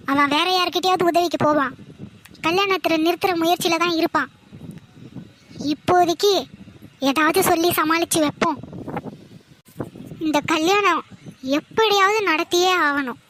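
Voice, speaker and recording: A woman's voice: extremely high pitch, normal speed, long pauses, fairly bright tone, slight background noise, low-quality recording. A woman voicing a doting but stubborn old grandmother who coaxes and schemes, in a cartoon. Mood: scheming, pleading. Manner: coaxing and insistent. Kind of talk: cartoon voice acting.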